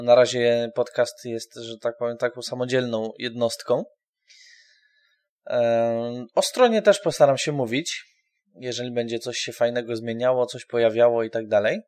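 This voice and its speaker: A man hosting a podcast, speaking informally and haltingly with frequent pauses as he gives an introduction. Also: medium pitch, a little mellow. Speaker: podcast host.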